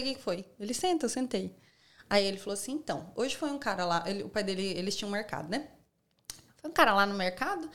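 Brazilian woman guest on a podcast, kinda high voice, slangy, acts out all the quotes. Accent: Brazilian Portuguese. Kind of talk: casual interview storytelling.

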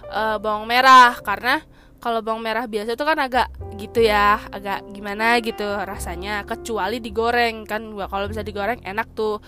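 A woman's voice: mid-range voice, moderate pace. A young woman with a Jakarta accent telling a story in a casual, slangy monologue and acting out exclamations. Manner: chatty and animated, slangy, acts out exclamations. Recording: faint music behind.

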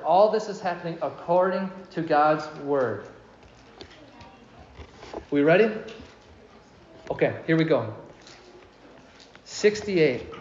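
A man preaching a sermon as pastor, animated and asking his congregation questions. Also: on the high side, slight background noise. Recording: echoey, dull hall recording.

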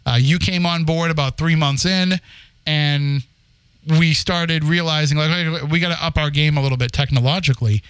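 A man in his forties from the Boston area hosts a podcast, telling its story in a chatty, rambling way with frequent restarts and laughs. His voice is fairly high, bright, clear and resonant, at a normal speed. The recording has no room sound.

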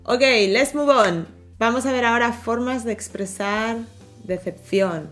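A woman's voice: a little high, unhurried, music in the background. A woman co-hosting a vocabulary lesson, leading with conversational prompting questions. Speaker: co-host.

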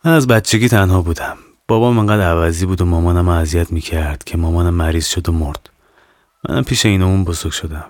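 A man's voice: low voice, no echo, close to an everyday voice. A man voicing a lonely, cynical young woman in an audio horror story, with a dry, teasing, matter-of-fact manner. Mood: flat.

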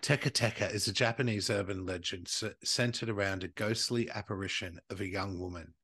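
Low-voiced man reading spooky notes. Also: fairly quick, husky. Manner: reads notes then jokes loudly, crude banter. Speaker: podcast co-host. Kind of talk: casual chat, reading out a legend.

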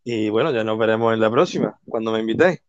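Smooth-voiced joking man guest, lo-fi. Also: fairly low pitch, quick pace, no echo. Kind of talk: casual live podcast chat. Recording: dull lo-fi sound.

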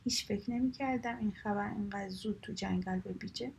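A woman voicing a quarrelsome, hot-tempered male squirrel in a children's storybook, speaking loudly and indignantly. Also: mid-range voice, creaky, a little hiss or hum, close to an everyday voice. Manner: loud, indignant.

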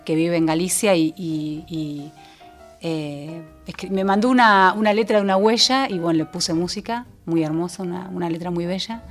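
A woman singer-songwriter with a Rioplatense Spanish accent, talking through her songs in a casual interview, thoughtful and full of small restarts. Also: fairly low pitch. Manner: reflective, with frequent fillers and restarts.

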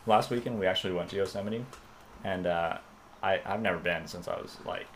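A man hosting a casual chat, laid-back and lively when he tells a story. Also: sits low, brisk, a little hiss or hum.

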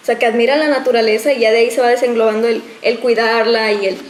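A woman's voice: fairly high pitch, fairly even intonation, fast. A woman, a dance teacher co-hosting a podcast, chatting casually with many fillers. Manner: chatty, full of fillers like "o sea". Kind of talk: casual group chat. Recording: echoey room with faint noise.

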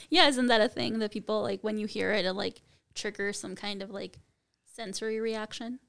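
A woman guest chatting casually on a podcast, with constant vocal fry and an animated, laughing manner. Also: on the high side.

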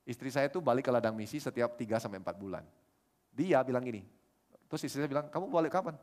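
A man's voice: mid-range voice, fast talker. A middle-aged man preaching a sermon at a church service, telling a story and acting out the lines of the people in it. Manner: storytelling, animated, acts out quoted dialogue.

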